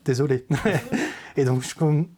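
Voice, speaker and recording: Male guest telling his own faith story; warm, low-lit tone, hesitant and sincere. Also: steady tone. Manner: halting, with many hesitations and restarts; earnest, confessional. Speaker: podcast guest giving a testimony. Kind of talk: personal faith testimony in conversation.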